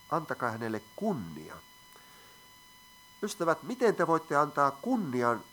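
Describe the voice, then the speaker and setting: Male preacher, crisp bright tone, teaching sermon with questions to the room. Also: mid-range voice. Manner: asks the audience questions, reads scripture aloud.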